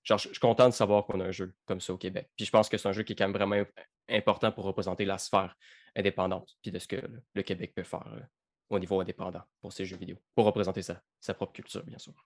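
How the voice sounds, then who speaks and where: A Québécois man hosts a relaxed podcast chat about a video game, tripping over and repeating words as he begins his thoughts. His voice is lowish and recorded dry, right on the mic. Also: fast talker, no echo. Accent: Québécois French. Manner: repeats words when starting sentences. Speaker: podcast host. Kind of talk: casual game review chat.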